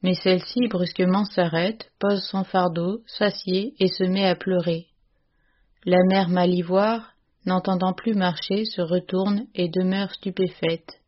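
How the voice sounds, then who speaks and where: A woman narrating a classic story in a measured, expressive audiobook reading. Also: fairly low pitch, dull audio.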